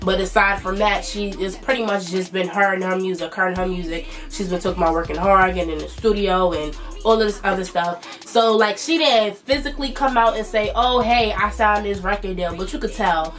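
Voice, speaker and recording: A woman's voice: medium pitch, a little fast, hardly any pauses, soft background music. A woman in her twenties with a stuffy, nasal voice, chatting loosely as a vlog host with plenty of fillers. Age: 20s. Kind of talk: casual commentary.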